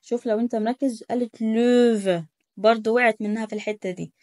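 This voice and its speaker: A woman's voice: a little high, fairly even intonation, rapid-fire, over loud music. An Egyptian Arabic-speaking woman teaching German pronunciation in a casual tutorial, correcting and repeating sounds with emphasis.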